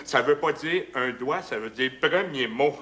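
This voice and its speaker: A man doing a slow, mumbling contestant. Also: medium pitch, lively intonation, very noisy, close to an everyday voice. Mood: gruff.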